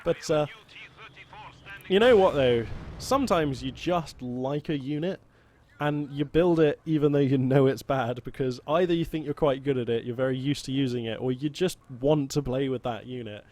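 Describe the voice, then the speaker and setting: A British game caster with a mid-range voice delivers rambling, jokey live commentary on a strategy game at a moderate pace. Loud battle sounds from the game, including gunfire, artillery and vehicle noise, fill the background.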